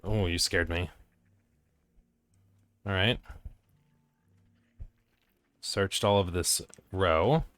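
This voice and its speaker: A man's voice: deep voice, extremely slow, pauses often, fairly bright tone, clean tone, no room sound. A man giving casual gameplay commentary, muttering short fragments to himself and reading on-screen text aloud. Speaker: gamer playing and commenting on a video game.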